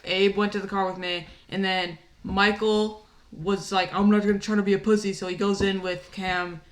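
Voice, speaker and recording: A man's voice: sits high, flat delivery, normal speed, fairly bright tone. A young man co-hosting a podcast, recounting a story in a laid-back, joking way with casual swearing. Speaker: podcast co-host.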